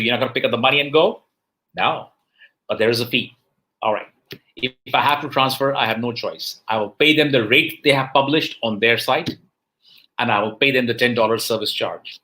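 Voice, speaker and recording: Bright-voiced middle-aged man lecturing. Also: mid-range voice, brisk. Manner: rhetorical questions, acts out bank clerks. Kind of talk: lecture to young students.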